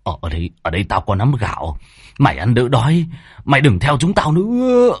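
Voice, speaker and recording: A man's voice: mid-range voice, sing-song, a little fast, slightly rough, no echo, studio quality. A man voicing a weary, superstitious young gang leader who speaks with solemn, pleading earnestness. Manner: pleading, solemn appeals to a dead friend.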